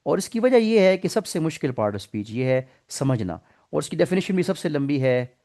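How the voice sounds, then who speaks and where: Here the online English teacher, a middle-aged man with a Pakistani Urdu accent, talks at a normal pace in a slightly high, dark-toned voice that swings widely in pitch. He explains grammar patiently and keeps asking his students questions.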